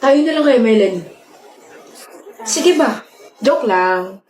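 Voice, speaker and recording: A woman's voice: fairly high pitch, lively intonation, slow, darkish tone, faint music behind. A woman acting in a comedic skit, teasing and bantering playfully. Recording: echoey room.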